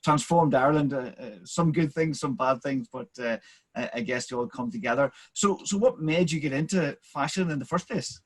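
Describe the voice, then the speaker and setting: A man's voice: medium pitch, normal speed. Enthusiastic stammering male host. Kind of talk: interview over video call.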